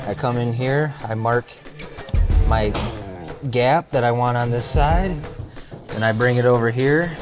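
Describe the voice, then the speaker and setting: Plain-spoken male contractor giving a casual walkthrough on site, clear music bed behind him. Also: mid-range voice. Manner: plain-spoken, talks through numbers step by step. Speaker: flooring contractor and channel host. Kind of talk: casual how-to instruction on a job site. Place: house under renovation, indoors.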